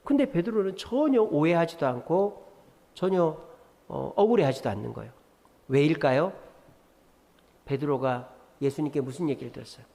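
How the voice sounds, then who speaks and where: A man pastor preaching a Friday prayer-meeting sermon, lively and expressive, acting out quoted lines. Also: a little high, normal speed, vocal fry, pauses often. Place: church sanctuary. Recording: reverberant church hall.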